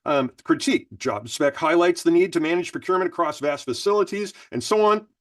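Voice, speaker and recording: A man's voice: on the high side, animated, brisk, no echo, far from the mic. A man presenting a webinar, casually explaining and reading prompts aloud. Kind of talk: instructional webinar talk.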